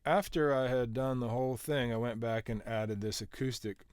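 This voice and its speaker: A man's voice: mid-range voice, moderate pace, a little mellow, clear, resonant tone, dry recording, clean studio sound. A man casually walking through how he produced a song, rambling with lots of filler words and restarts. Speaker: music producer.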